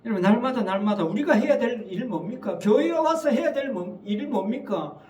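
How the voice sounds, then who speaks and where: Speaking in an extremely high, expressive voice that is brisk and a little mellow, a male pastor delivers an emphatic Sunday sermon packed with rhetorical questions to the congregation. He's in a church sanctuary, recorded from a distance in an echoey hall.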